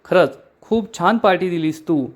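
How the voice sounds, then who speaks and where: A man's voice: high voice, normal speed, natural voice. A man reading out the lines of a worried young husband, in his own narrating voice. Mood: concerned.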